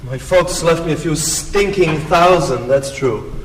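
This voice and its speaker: A man's voice: a little high, a little slow, lightly acted. A man acting a despairing, self-pitying grown man in a stage comedy, mumbling gloomily and breaking into wails. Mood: mournful. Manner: mopey, swings between mumbling gloom and wailing. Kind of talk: stage comedy cast recording. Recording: echoey theater, distant mic, audience noise. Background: live audience.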